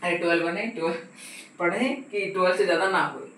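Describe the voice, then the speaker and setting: A man's voice: high-pitched, fairly quick, fairly bright tone, slight background noise. Man, math tutor, patient and repetitive, echoey room, distant mic. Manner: patient, repeats "ठीक है" and asks the viewer questions. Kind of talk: casual step-by-step math lesson.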